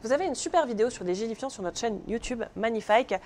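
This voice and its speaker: A woman's voice: on the high side, expressive, fast talker, a little mellow. A woman teaching a live pastry class in a kitchen, chatty and joking with viewers, often checking in with "ok?". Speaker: pastry instructor. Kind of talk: live online baking class.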